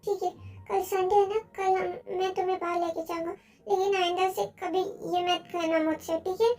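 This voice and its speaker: A woman's voice: very high-pitched, flat delivery, normal speed, darkish tone, distant mic, voice pushed up. A woman voicing a possessive, pleading young man in a fan audio drama, speaking emotionally.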